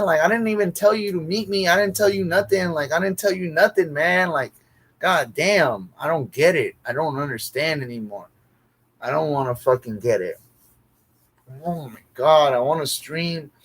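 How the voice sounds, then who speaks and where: Man ranting profanely on a stream. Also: mid-range voice. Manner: profane, repetitive, exasperated griping. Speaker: comedian streaming alone. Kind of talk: casual livestream rant.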